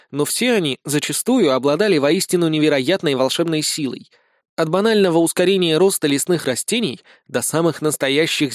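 A man narrating a first-person comic fantasy audiobook in an even storytelling read. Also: fairly high pitch, no echo, studio quality.

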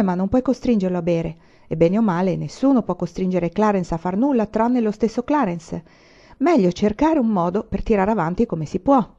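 A woman's voice: medium pitch, highs cut off, lightly acted. Woman reading as a wise, kindly pioneer father. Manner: calm, gently teasing advice.

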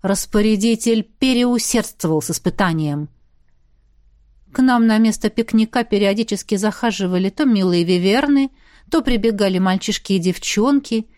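A woman narrating an audiobook in the first person, dropping to a lower, quieter voice for inner thoughts. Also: moderate pace, no room sound, clean studio sound.

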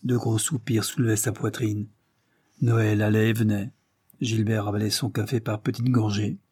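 A man narrating a classic novel as an audiobook with steady storytelling. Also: lowish voice, normal speed, husky, dry recording, studio quality.

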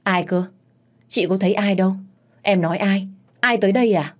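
A woman's voice: medium pitch, normal speed, lightly acted. A woman voicing a caring older sister figure who asks anxious questions. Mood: worried.

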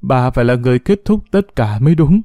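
A man voicing a furious, desperate old grandmother who speaks in broken, shouted bursts. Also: on the high side, animated, moderate pace, dry recording, clean studio sound, pitched above the performer's own voice, lightly acted.

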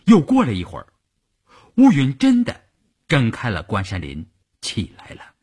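A man narrating a story for a storytelling broadcast in a slow, expressive way. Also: mid-range voice, husky.

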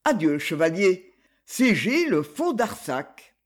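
A sneering, boastful villain gloats from a fairly high, lively voice, as a male reader puts him on. He mocks his trapped rival with theatrical swagger, a master of disguise in an old adventure tale. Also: slow pace, full character voice. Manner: mocking, boastful.

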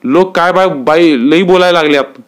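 Hushed village wife with a smooth, resonant tone and a raised pitch, as a male storyteller puts her on. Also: moderate pace, close to an everyday voice. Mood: hushed gossip. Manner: hushed, muffled, urgent. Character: village wife whispering gossip behind her sari.

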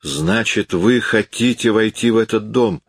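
A man's voice: fairly low pitch, fairly even intonation, measured pace, no room sound, clean studio sound, pitched above the performer's own voice. A man reading an audiobook, voicing a defiant, scornful young woman in a hard, mocking tone. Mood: pleading.

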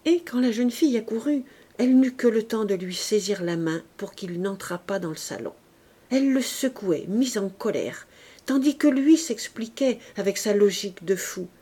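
A woman reading a classic novel aloud in measured, expressive narration. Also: mid-range voice, husky. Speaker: audiobook reader. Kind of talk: literary audiobook narration.

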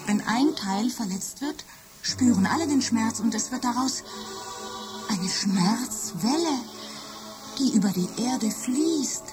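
A woman playing a lovesick, jealous female office computer in a radio drama, speaking softly and often in a whisper. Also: on the high side, lively intonation, slow, over music. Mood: obsessive, tender. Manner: soft, intimate, often whispering. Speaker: computer character.

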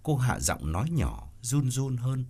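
A man narrating an audiobook story in an expressive storytelling manner. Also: medium pitch, a little slow, vocal fry, slightly rough.

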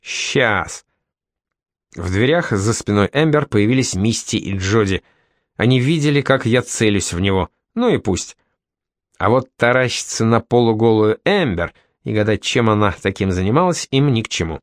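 Male narrator, first-person novel read, wry delivery, expressive pitch, dry booth sound. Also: moderate pace, no room sound. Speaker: audiobook narrator.

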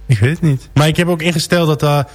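A man's voice: on the high side, fairly even intonation, fast talker. A young man co-hosting a local radio show in casual, chatty banter, laughing easily and restarting his sentences. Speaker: radio co-host.

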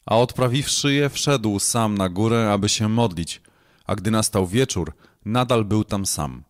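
A man with a fairly low voice reads scripture aloud. His delivery is measured and solemn, every verse paced as a formal reading. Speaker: scripture reader.

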